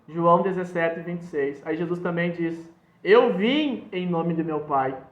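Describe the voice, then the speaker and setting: Pastor guy preaching hard, high voice, echoey dull sound. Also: measured pace. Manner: emphatic preaching, quoting scripture verses. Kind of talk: sermon.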